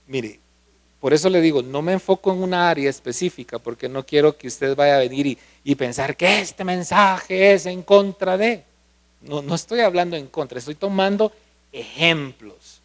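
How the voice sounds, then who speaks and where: A male pastor preaching a sermon, often asking the congregation questions. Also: high voice.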